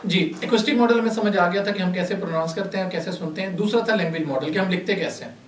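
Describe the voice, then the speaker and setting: A high-pitched man teaches a workshop class. He explains terms patiently and asks the class questions that he then answers himself. His voice comes from some distance in an echoey room. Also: fast, slight background noise. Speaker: lecturer. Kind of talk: classroom lecture.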